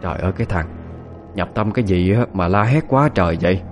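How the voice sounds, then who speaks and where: A man voicing a middle-aged mother gently scolding her son for shouting in his sleep. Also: low voice, animated, fast, faint music behind. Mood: worried scolding.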